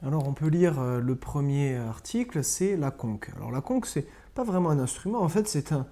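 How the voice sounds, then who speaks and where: A primary school teacher records a lesson for pupils learning at home, speaking in a medium-pitched, animated voice with a brisk pace and dark tone. She patiently spells words out letter by letter and keeps checking that the children are following along.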